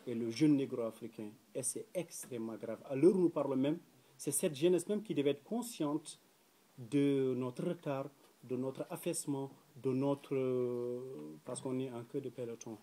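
A young Mauritanian man with a mellow, dark, medium-pitched voice gives a public talk at a round table. He speaks earnestly and carefully with frequent hesitations and fillers, recorded in a small indoor room by a camera a few feet away.

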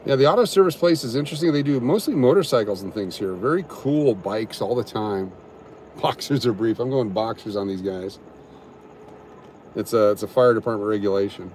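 A man's voice: on the low side, moderate pace, a little mellow, a little hiss or hum. A man hosting a live stream outdoors on a downtown street. He gives casual commentary on what is going on around him and reads out viewer comments. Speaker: livestream host.

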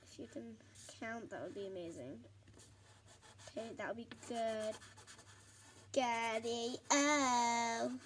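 Young woman talking to herself while she draws, a bit high voiced, giggly and rambly. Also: slow pace, pauses often, slight background noise. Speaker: vlogger. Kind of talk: chatty art vlog narration.

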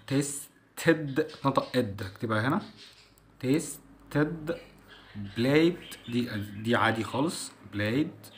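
A man with an Egyptian Arabic accent, teaching a school English lesson and drilling each word by repeating it slowly. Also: medium pitch, a bit bright, a little hiss or hum.

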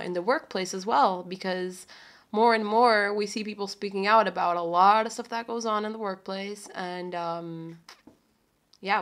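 A woman's voice: on the low side, fairly bright tone. A woman hosting a live stream in a loose, chatty way. She rambles through her points with plenty of fillers and bursts of giggling. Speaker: podcast host. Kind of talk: casual live-stream chat.

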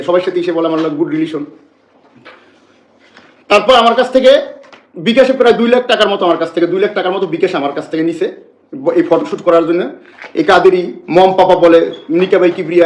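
A man's voice: sits high, reverberant. A man, speaking on a live stream in an agitated, repetitive, rambling way. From Bangladesh. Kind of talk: emotional live-stream complaint.

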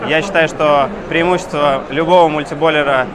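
A man's voice: fairly high pitch, steady tone, a little fast, rough recording. A man presenting his company's coffee machine at an expo, explaining technical details at length with fillers. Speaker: coffee machine maker representative. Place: crowded indoor expo hall. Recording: crowd noise behind.

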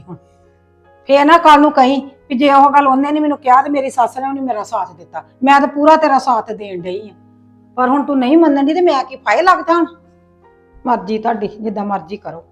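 A middle-aged woman playing a patient mother-in-law who gently advises and reassures in a family drama. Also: high voice, lively intonation, a little fast, soft background music. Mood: resigned. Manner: coaxing, reassuring, lecturing softly. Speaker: actor in a family web drama. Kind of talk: acted family drama dialogue.

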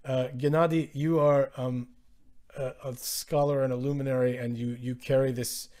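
Guy in his 30s on a headset, warm mellow voice, trips over his words. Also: mid-range voice, little pitch movement, normal speed. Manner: stumbling, searching for words. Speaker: musician and panel host. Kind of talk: online panel talk. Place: room at home.

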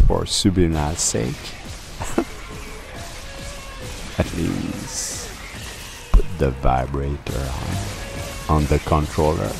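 A man giving live reaction commentary and critique over gameplay, pausing to analyze, then repeating words in bursts of mock outrage. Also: a bass voice, gravelly, darkish tone. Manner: deliberate, analytical critique with pauses. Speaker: video game reviewer.

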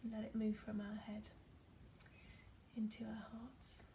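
Gentle woman leading a meditation, gravelly and kinda flat, soft near-whispers, faint hiss behind. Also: fairly high pitch, unhurried. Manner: soft, gentle, many fillers; often drops to a near whisper. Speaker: meditation leader. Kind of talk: guided craft meditation. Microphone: computer or phone camera.

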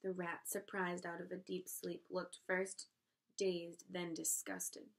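A woman's voice: fairly low pitch, slow pace, gravelly. Woman reading a storybook aloud. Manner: expressive storytelling. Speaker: reader. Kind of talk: reading a children's novel aloud.

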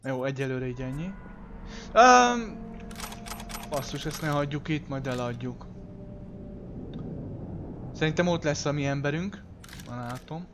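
A man's voice: a little high, lively intonation, long pauses, noisy background. A man casually commenting on his own game playthrough, thinking aloud, talking to viewers and swearing when he slips up. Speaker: gamer streaming a playthrough. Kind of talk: casual let's play commentary.

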